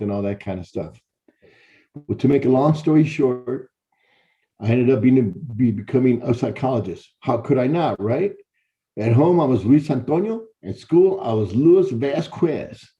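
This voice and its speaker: The speaker is a middle-aged Chicago man with a warm, mid-range voice, a university professor giving students a lecture built around his life story. His manner is conversational, with direct address, repeated words, and frequent restarts, and the recording is dull and lo-fi.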